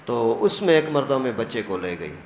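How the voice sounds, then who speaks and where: A man's voice: medium pitch, gravelly. Man telling a religious story in a hall. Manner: animated storytelling, acts out dialogue. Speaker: religious teacher. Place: mosque hall. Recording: echoey hall, faint noise.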